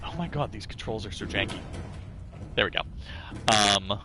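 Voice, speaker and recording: A man's voice: on the low side, moderate pace. A man doing casual live game-stream commentary, chatting and thinking aloud as he plays. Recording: music behind the voice. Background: music.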